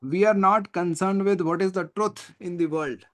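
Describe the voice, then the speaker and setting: An Indian English–accented man with a high voice teaches test prep online over a video call at a moderate pace. He keeps things lively, poses questions, and frequently checks that his students are keeping up.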